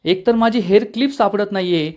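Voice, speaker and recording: A man voicing an irritated young wife in a spoken serial recap, in his own high voice with a scolding delivery. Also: a little fast, a little mellow, close to an everyday voice. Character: angry young wife, annoyed and stubborn.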